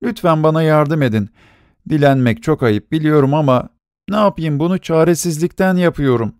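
A man's voice: a little high, normal speed, darkish tone, no room sound, clean studio sound, voice pushed up, lightly acted. A man voicing a young drunken beggar who pleads and stammers. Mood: pleading.

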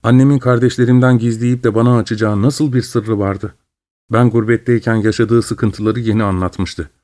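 A man reading a novel aloud in measured first-person narration. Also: mid-range voice, steady tone, dark tone. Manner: measured, literary storytelling. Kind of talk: scripted audiobook narration.

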